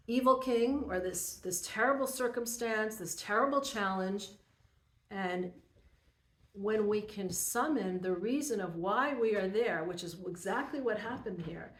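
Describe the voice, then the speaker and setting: A woman teaching a Torah class to a group, retelling stories and parables in an earnest, animated way. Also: medium pitch. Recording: roomy echo.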